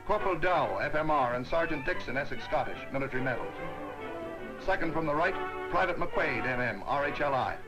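A man narrating an old 1940s newsreel in a brisk, ceremonial announcer's manner. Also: fairly high pitch, poor audio. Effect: old 1940s newsreel sound. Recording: narration over loud band music.

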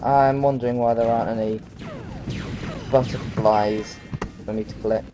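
A man's voice: medium pitch, steady tone, moderate pace. A man giving live gameplay commentary as a let's play gamer, grumbling and sarcastic. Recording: game music behind the voice.

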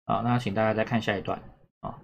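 A man's voice: lowish voice, fairly even intonation, fast talker, creaky, muffled recording, a little hiss or hum. A man teaching a casual exam-prep lesson, repeating points and checking whether students follow. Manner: chatty, repetitive, asks "懂哈？有没有？" often. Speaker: Japanese teacher.

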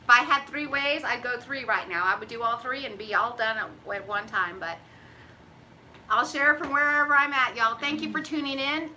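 A woman's voice: a little high, normal speed, pushed and bright, slight background noise, low-quality recording. A middle-aged woman, chatting folksily on a live cooking stream from her home kitchen. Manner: chatty, folksy, drawls "y'all". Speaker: keto cooking host. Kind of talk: casual live-stream chat. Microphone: phone camera at arm's length.

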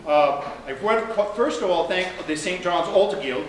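Pastor in a very echoey church. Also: male voice, sits high, lively intonation, normal speed, a little hiss or hum. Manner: chatty and joking between formal prayer. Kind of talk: church announcements and prayer. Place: large church sanctuary. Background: congregation murmuring.

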